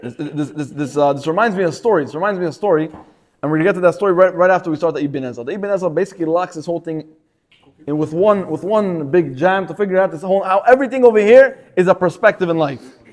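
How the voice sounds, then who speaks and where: A man with a high voice leads an informal Torah class in a synagogue. He's animated, acting out stories and often repeating his words.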